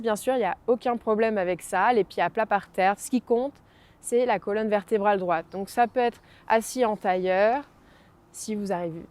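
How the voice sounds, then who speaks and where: A woman instructor leading a guided breathing lesson, speaking to the viewer in short, instructive phrases with pauses between them. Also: medium pitch, darkish tone.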